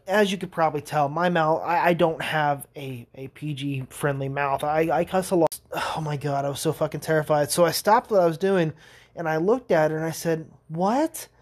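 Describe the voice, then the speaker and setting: A young man hosting a podcast, telling rambling stories in a casual monologue, swearing a lot and laughing as he goes. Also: a little high. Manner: rambling, profane, laughing storyteller. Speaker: podcast host.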